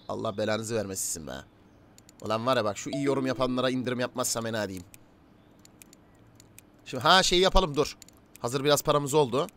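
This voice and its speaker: A man giving casual let's-play commentary, chatting to game characters and his viewers, swinging from low mutters to loud calls. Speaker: gaming YouTuber.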